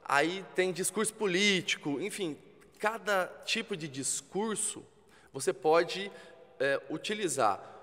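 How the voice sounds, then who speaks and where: A man with a Brazilian Portuguese accent, a TV presenter guesting on a podcast, explaining in a calm, coaching way. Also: high voice, slow pace, big-room sound. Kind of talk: casual interview talk. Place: podcast studio with spotlights.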